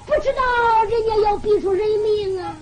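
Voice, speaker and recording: A woman's voice: extremely high pitch, normal speed, a little hiss or hum. A woman voicing a poor, blind, elderly mother who frets and weeps, speaking with a Henan accent in a sobbing, sing-song storytelling manner. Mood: pleading.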